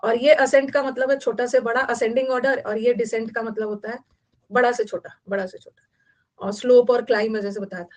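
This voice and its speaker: An Indian woman teacher, likely in her thirties, leads a vocabulary lesson in a slightly higher voice. She explains words patiently and repeats each term and meaning several times. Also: fairly even intonation, a little fast, a little mellow. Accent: Indian English. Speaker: English teacher. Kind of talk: online class lecture.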